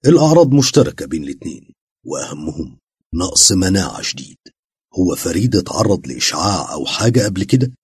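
A man voicing a serious male doctor with an Egyptian accent, husky and urgent. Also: low voice, very animated, fast talker, a little mellow, dry recording, heavily acted. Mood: grave. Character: grave male doctor delivering bad news.

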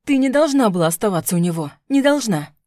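Lady voicing an angry violent husband in an audiobook, yelling threats, lowish and loud, no room sound. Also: fairly quick, no echo, studio quality, lightly acted. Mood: shouting. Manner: shouting, threatening. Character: violent, furious husband, young adult man. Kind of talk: audiobook character voice.

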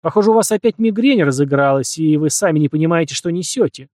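A man voicing a gruff, bearded old prince who speaks sternly and with authority. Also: a little high, very animated, moderate pace, no room sound, studio quality, voice pushed up. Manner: stern and commanding.

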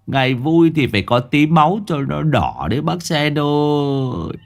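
A man's voice: fairly high pitch, lively intonation, unhurried, creaky, voice pushed up. Brief: man playing giggling village fool in a spoken ghost story, lilting and odd. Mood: teasing.

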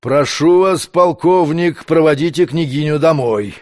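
A man's voice: on the high side, unhurried, lightly acted. A man voicing a powerful, short-tempered prince who barks orders in a storybook reading. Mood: imperious. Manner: commanding, scolding. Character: imperious irritable powerful prince.

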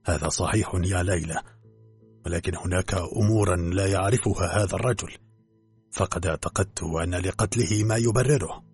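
A man's voice: low voice, moderate pace, a little mellow, faint music behind, pitched below the performer's own voice, natural voice. A man playing an agitated accused young man. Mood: protesting. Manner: agitated, protesting.

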